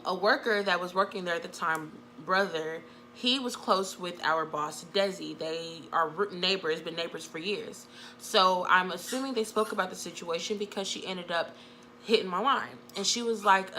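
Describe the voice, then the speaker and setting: Young woman, bright forceful voice, casual storytime, chatty with lots of "like", light background hiss. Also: lowish voice. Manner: chatty, full of "like" fillers, quotes people vividly. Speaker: vlogger.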